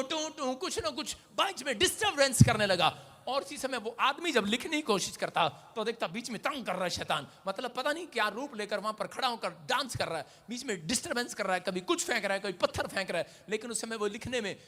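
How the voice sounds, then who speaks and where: A man preaching as a pastor, his voice pitched very high for a man and ringing bright. He swings from shouted calls to the congregation down to hushed, hurried storytelling. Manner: swings between shouted exhortation and quiet storytelling. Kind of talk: sermon.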